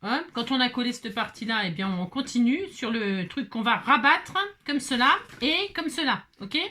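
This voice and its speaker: A woman's voice: on the high side, animated, moderate pace, bright, forceful tone. A woman hosting a casual crafting tutorial, chatty and jokey, talking to her viewers and her pet as she works. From France. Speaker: craft video host.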